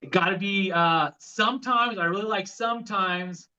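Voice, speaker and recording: A man's voice: high-pitched, normal speed, pushed and bright, clear, resonant tone. A man in a band answering interview questions casually and a bit hesitantly. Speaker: band member being interviewed. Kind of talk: casual chat. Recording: dull lo-fi sound.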